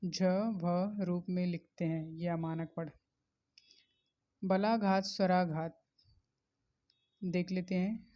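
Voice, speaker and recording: A woman teacher walks through a revision lesson at an unhurried pace, in a fairly low voice. She spells out letters and examples one at a time. The recording sounds dull and lo-fi. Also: mellow. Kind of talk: exam revision lesson on grammar.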